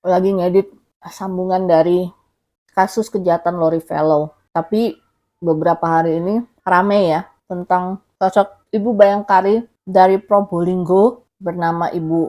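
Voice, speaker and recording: A woman's voice: fairly low pitch, steady tone, a little slow, warm tone. A woman vlogger giving casual, rambling spoken commentary, thinking aloud as she goes, recorded on a phone. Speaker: vlogger commenting on a viral case.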